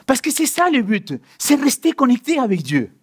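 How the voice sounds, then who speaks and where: A man's voice: extremely high pitch, normal speed, breathy edge. Pastor guy preaching, storytelling, acting out scenes, voice jumping all over, stage mic. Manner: animated storytelling, acting out both sides of a scene. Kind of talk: sermon.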